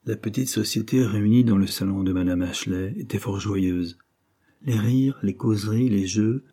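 A man reading a novel aloud in a measured, even way as an audiobook narrator. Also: fairly low pitch, husky. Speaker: audiobook reader.

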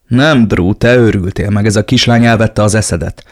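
A man's voice: fairly low pitch, lightly acted. A man voicing a ruthless, mocking cartel henchman in an audiobook. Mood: angry. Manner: mocking, shouting. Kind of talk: audiobook reading.

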